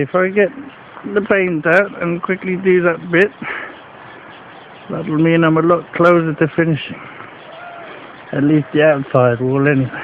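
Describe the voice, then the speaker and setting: A slightly out-of-breath man walking around outdoors by a house wall, casually explaining his work into a handheld camcorder. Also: fairly high pitch. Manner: plain, rambling, matter-of-fact explaining. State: a bit out of breath. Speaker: home video maker. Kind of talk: casual walkaround commentary. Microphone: handheld camcorder mic. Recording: tinny lo-fi camcorder audio with faint hiss.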